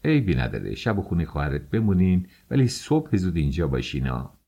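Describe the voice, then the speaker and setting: A man voicing a calm scheming young wife. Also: deep voice, slightly rough, full character voice. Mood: firm. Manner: firm, coaxing. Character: scheming young married woman, calm and in control.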